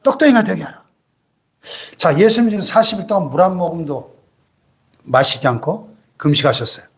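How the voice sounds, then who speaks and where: A man's voice: fairly high pitch, animated, a little fast. A man around sixty, a senior pastor preaching a sermon in a church and prodding the congregation with rhetorical questions.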